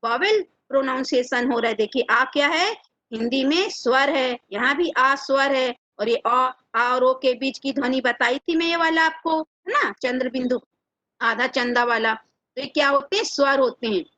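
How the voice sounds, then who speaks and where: Woman teacher, Hindi accent, high pitch, dry close recording, patient question-and-answer delivery. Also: moderate pace, pushed and bright, no echo. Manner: asks rhetorical questions to the children and answers them herself. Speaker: English teacher. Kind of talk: classroom lesson explaining grammar.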